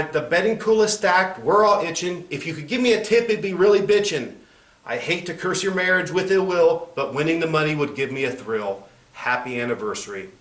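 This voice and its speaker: A man playing a crude, cynical clown pitchman in a spoof infomercial, swearing and mock-sincere as he sells insulting greeting cards. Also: fairly bright tone. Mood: mock-sentimental recital. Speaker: comedian in character as a clown. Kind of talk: spoof infomercial sales pitch with recited rhyming card verses. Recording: roomy echo, faint background noise.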